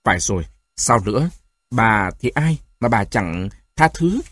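A man voicing a stern, quick-tempered old grandfather with a hoarse voice, in an audiobook reading. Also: fairly low pitch, big pitch swings, dry recording, heavily acted. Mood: anguished. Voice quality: hoarse, shouting. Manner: harsh, scolding, then choked and tearful.

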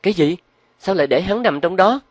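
A man putting on a shrill impatient young woman. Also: animated, fairly quick, no echo, close to an everyday voice. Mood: alarmed. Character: anxious young woman, sharp, impatient lover.

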